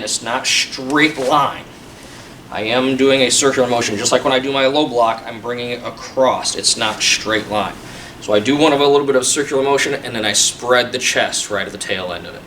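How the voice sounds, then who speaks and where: A man teaches taekwondo in an informal, explanatory tutorial style. His voice is bright and firm at a medium pitch. The microphone is some distance away. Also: moderate pace. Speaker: taekwondo instructor. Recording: distant mic, faint room noise.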